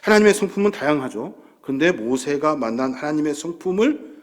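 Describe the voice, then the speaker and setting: Man preaching in church, kinda high voice, big animated pitch swings, acts out prayers. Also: brisk. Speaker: pastor. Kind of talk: sermon. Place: church sanctuary.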